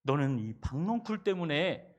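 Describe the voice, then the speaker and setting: A man voicing God as an exasperated father, shouting rebukes at his son in a sermon. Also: on the high side, big pitch swings, moderate pace, highs cut off. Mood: exasperated scolding. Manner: shouting rebukes, rhetorical questions.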